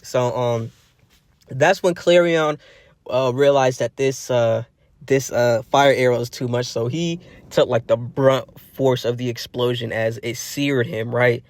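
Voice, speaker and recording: A man's voice: mid-range voice, steady tone, measured pace, dry recording. A young man casually improvising a fan story, rambling through lots of fillers and restarts.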